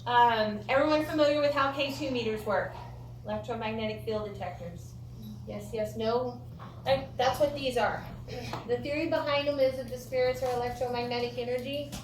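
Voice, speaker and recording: A woman's voice: fairly high pitch, moderate pace. An American woman working as a ghost tour guide, telling stories to a group in a folksy, joking, chatty way. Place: indoor room of an old theatre. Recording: roomy echo, distant mic, clear background noise.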